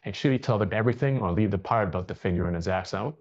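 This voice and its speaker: A man narrating a story aloud in a plain, steady reading manner, on a dull lo-fi recording. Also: fairly low pitch, rapid-fire.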